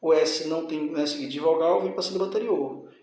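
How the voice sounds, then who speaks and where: A man's voice: on the high side, quick pace, a little mellow, heavy reverb. A man teaching a grammar lesson, explaining step by step and checking in with his students. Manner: explains step by step, often asks "tá?" and "certo?".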